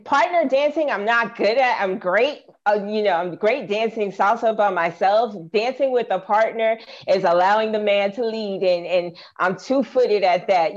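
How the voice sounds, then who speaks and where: An American woman, a yoga teacher, talking as a guest in a relaxed, conversational way. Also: mid-range voice, muffled recording. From United States. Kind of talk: casual interview chat.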